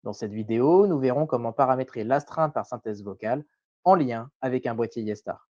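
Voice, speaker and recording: Mellow man narrating a dry software tutorial. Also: mid-range voice, a little fast, no echo, lo-fi sound.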